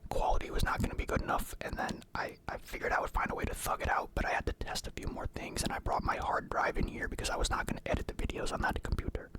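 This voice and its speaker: A young man whispers without any voicing, leaning close to the microphone for an ASMR mukbang recorded in a home room. He rambles loosely and hesitates often.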